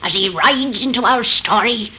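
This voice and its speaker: A woman's voice: on the high side, bright, forceful tone. A woman playing an ancient, gleefully eerie witch who tells horror tales in rustic, archaic speech on 1930s radio. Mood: eerie, relishing. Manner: archaic rustic dialect, cackling, drawn-out delivery. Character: ancient cackling witch, 117 years old, gleefully eerie storyteller. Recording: noisy 1930s radio recording.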